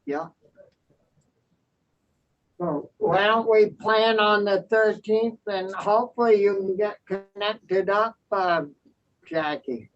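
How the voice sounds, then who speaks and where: Committee chair, slow hesitant speech, dull lo-fi call audio. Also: medium pitch, fairly even intonation. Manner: hesitant, halting, many fillers. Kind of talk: chairing an online committee meeting.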